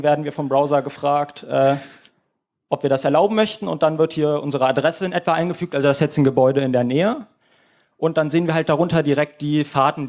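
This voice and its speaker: A man's voice: a little high, darkish tone. A man presenting his team's app at a hackathon, walking through the screens step by step in a live demo.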